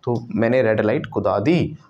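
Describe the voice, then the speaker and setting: A man's voice: medium pitch, moderate pace, crowd noise. Man teaching English, lo-fi sound. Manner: drills phrases, asks students to repeat. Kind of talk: spoken English lesson in Hindi. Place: classroom.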